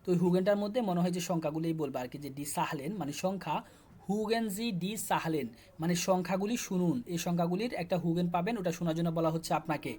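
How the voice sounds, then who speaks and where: A man's voice: high voice, fast talker, a little mellow, slight background noise. A man speaking Bengali with a Bangladeshi accent, teaching German. He walks students through textbook exercises and repeats words as he goes. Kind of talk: casual explanatory lesson.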